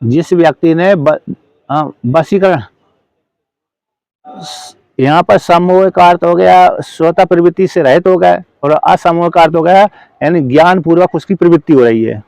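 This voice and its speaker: A man teaches scripture, explaining a commentary word by word in a halting manner, often correcting himself and asking listeners if they follow, with slow chanted verse recitation. His slightly high voice is gravelly and darkish. The recording is clean and dry.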